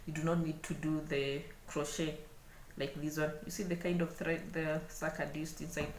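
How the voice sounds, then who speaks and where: A woman with a Kenyan accent giving an unscripted hands-on craft demonstration, speaking haltingly and repeating words as she works. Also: sits low, level tone. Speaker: craft tutorial host. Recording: echoey room, clear background noise.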